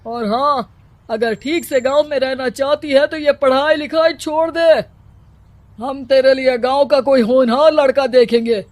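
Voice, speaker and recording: A man's voice: very high-pitched, fairly even intonation, a little slow. A man playing a stern, domineering village headman in a cartoon, speaking in a pompous, commanding, mocking way. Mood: angry, threatening. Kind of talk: Hindi cartoon character acting.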